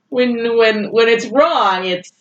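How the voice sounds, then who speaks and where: Laughing woman in an echoey room. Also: a little high. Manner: laughs often, animated and candid. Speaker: podcast co-host. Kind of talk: casual chat about a fan fiction story. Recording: echoey room, dull lo-fi sound.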